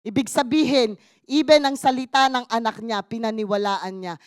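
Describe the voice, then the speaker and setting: A woman's voice: a little high, steady tone, moderate pace, clear, resonant tone, dry recording, clean studio sound. A middle-aged Filipino woman preaching a sermon, mixing Tagalog and English and rising into emphatic bursts.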